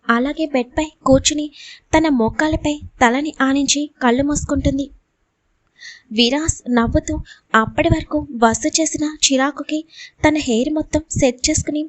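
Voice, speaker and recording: A woman narrating a romance audiobook in an expressive, steady reading style. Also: high voice, normal speed, no room sound. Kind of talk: storybook narration.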